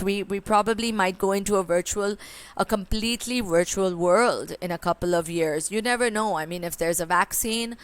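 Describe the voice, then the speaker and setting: This young Pakistani woman is an IELTS speaking tutor giving a lesson of exam tips with a sample answer. She talks conversationally, full of fillers and rhetorical "right?" checks. Her voice is medium-pitched and clean, with no room sound.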